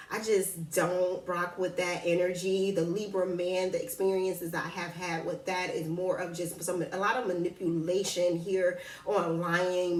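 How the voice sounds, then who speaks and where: Woman vlogger, lowish voice, blunt slangy storyteller, recorded off-mic in an echoey room. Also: distant mic. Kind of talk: casual storytelling about dating and zodiac signs.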